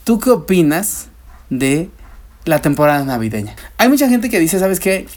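A podcast co-host with a Mexican accent, an animated storyteller who acts out quoted voices in casual chat. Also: medium pitch, normal speed. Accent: Mexican Spanish.

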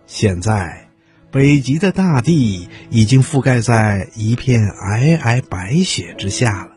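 A man narrating a children's story, telling it gently and expressively. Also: mid-range voice, expressive, slow pace, soft background music.

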